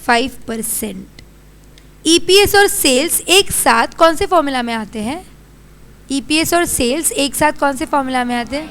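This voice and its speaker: Brisk, high-voiced Indian woman teacher. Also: lively intonation, a bit bright. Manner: brisk, scolding, quizzing the class. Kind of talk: classroom lecture. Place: classroom.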